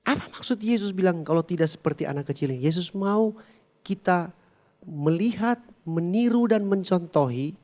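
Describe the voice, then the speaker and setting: Guy preaching, kinda high voice, goes loud then quiet, funny story-style sermon, mixes in english bits. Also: normal speed. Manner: animated and humorous, swings from loud to quiet; drops English phrases into his talk. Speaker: pastor.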